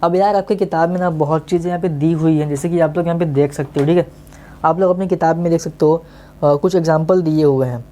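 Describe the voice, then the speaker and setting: Coaxing teacher. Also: male voice, a little high, fairly even intonation, fast talker, mellow. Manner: coaxing, keeps checking if students understood. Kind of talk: casual online maths lesson.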